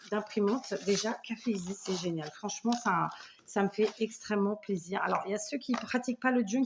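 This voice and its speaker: In a home scrapbooking video, an enthusiastic woman in her forties chats casually through an unboxing, her pitch in an ordinary middle range. Her talk is warm, effusive and rambling, full of thanks and little asides, over a faint background hiss.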